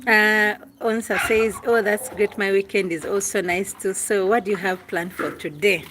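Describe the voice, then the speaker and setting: A woman's voice: medium pitch, fairly even intonation, normal speed, background noise. Chatty Ugandan woman streaming from home. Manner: chatty, laughs often, calls out to family off-camera. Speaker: vlogger doing a live stream. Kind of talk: casual live-stream chat. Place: family home in a village.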